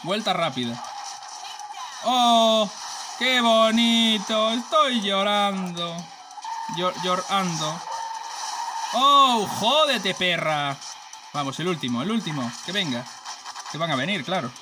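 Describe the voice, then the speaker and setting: Excitable, foul-mouthed Spanish gamer man. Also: high voice, slow pace, long pauses. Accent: Spain Spanish. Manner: excitable, profane, joking trash talk at rivals. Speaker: gaming channel host. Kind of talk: let's play commentary. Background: racing game music and sounds.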